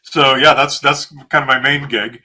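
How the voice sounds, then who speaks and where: Bright-voiced male podcaster in interview. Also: medium pitch, steady tone, moderate pace. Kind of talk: casual interview talk.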